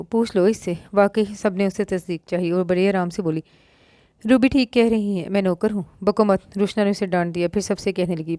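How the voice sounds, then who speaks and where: A woman with a Pakistani Urdu accent reading a romance novel aloud, voicing every part in the same even voice. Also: mid-range voice, dry recording, studio quality. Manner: reads all parts in one even voice, lifting slightly for quoted lines. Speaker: novel narrator.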